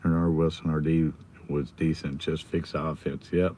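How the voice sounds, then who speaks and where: An American man with his voice nearly gone, chatting casually and quietly as a livestream host while sitting in a car. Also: very deep voice, level tone, normal speed. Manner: subdued, holding the volume down. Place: inside a car in a school pickup line. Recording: noticeable background noise in a car.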